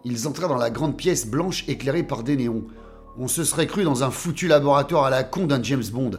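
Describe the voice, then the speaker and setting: A man's voice: medium pitch, fairly quick, darkish tone, soft background music. A man narrating a scripted detective story in a wry tone with coarse slang.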